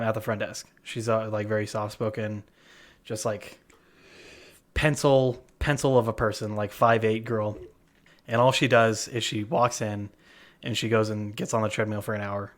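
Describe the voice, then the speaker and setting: A man's voice: fairly low pitch, fairly even intonation, normal speed. A man co-hosting a podcast, telling a story in casual chat, full of fillers and restarts. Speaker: podcast co-host. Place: worked at a gym front desk.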